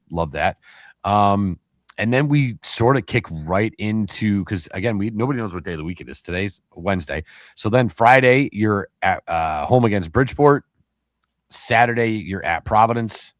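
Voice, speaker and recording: Male podcast co-host, deep voice, dry close-miked sound, rambling casual delivery. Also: lively intonation, moderate pace, no echo. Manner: rambling, many fillers and restarts. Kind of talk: casual sports chat.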